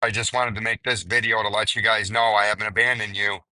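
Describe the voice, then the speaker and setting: A man hosting a market commentary video, hoarse and raspy, his strained voice nearly gone. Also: lowish voice, flat delivery, fast, bright, forceful tone, no echo, rough recording. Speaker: crypto video host.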